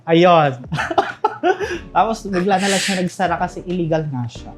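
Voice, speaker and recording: His high-pitched, sing-song voice moves at an unhurried pace over soft background music. The young guest, a Visayan-accented call center manager from Southern Leyte, Philippines, laughs often and speaks candidly while telling stories in a casual interview.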